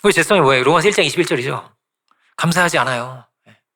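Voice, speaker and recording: A man's voice: a little high, fast talker, bright, forceful tone. A male pastor giving a conversational sermon, often asking the congregation "right?" and repeating phrases for emphasis.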